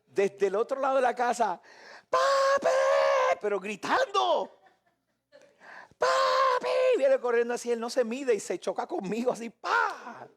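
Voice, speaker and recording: Brief: high-pitched male preacher, lively teaching delivery, acts out scenes, quick to joke. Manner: animated, acts out voices and shouts; jokes and laughs with listeners. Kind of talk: live Bible teaching.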